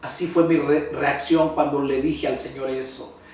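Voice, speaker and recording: A man's voice: mid-range voice, level tone, normal speed, a little mellow. An older man from Mexico with a Mexican Spanish accent, a pastor telling his personal testimony in an earnest, heartfelt way. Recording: very echoey room, voice far from mic.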